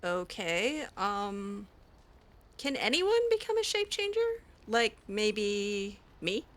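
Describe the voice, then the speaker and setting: In this casual in-character roleplay, a woman voices a curious young mage, rambling hesitantly with plenty of ums and false starts. She speaks slowly in a mid-range, sing-song voice with a fairly bright tone.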